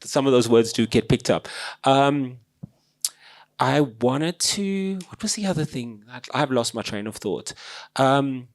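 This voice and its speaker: A woman with a Durban South African accent, interviewing casually and haltingly, searching for her words. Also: a bass voice, lively intonation, darkish tone. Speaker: interviewer at a book event.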